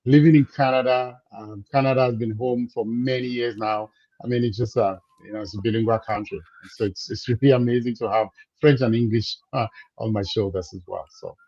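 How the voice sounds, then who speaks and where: A man, a business coach speaking as a guest, measured and reflective, slowing down to stress his points. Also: mid-range voice, fairly even intonation, warm tone, no echo, lo-fi sound. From Cameroon. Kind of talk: conversational interview.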